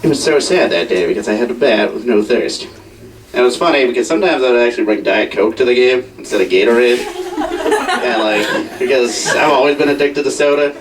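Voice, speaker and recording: Young male comic, lively rambling delivery, self-deprecating, recorded from across a room. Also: mid-range voice, fairly quick. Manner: rambling, self-mocking, full of "like". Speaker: stand-up comedian. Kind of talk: stand-up storytelling at a house party. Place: crowded house party. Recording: distant mic, faint noise.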